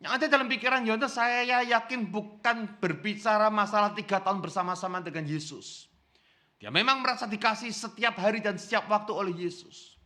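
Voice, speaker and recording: Bright-voiced preaching man, swinging loud and hushed. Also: sits high, fairly quick. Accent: Indonesian. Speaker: pastor. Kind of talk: sermon.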